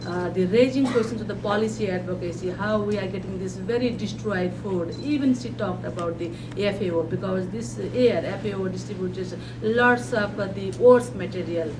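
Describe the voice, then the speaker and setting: Nepali woman speaking haltingly at a conference. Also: medium pitch. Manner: halting, many fillers and restarts. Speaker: panel speaker. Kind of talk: conference presentation. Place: conference hall. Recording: distant mic, noisy hall.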